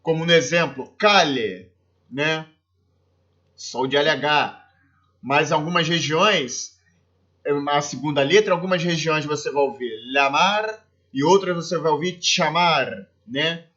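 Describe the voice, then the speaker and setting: A man's voice: a little high, normal speed, fairly bright tone, highs cut off. A Brazilian man with a Brazilian Portuguese accent, a teacher giving a recorded lesson and explaining step by step, often checking in with his students. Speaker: Spanish teacher.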